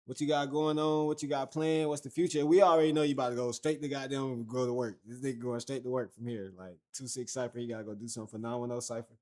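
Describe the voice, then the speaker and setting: A man's voice: medium pitch, steady tone, fast talker, hardly any pauses, mellow. Slangy, profane young male streamer. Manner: loose, slangy and profane, with lots of fillers. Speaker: livestream host. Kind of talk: casual livestream chat.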